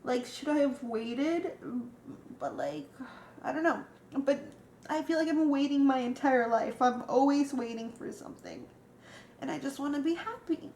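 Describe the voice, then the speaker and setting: A woman's voice: high voice, expressive, normal speed, a little mellow, a little hiss or hum. Rambling emotional woman vlogging. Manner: rambling and emotional, with many fillers. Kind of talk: casual vlog. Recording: echoey room.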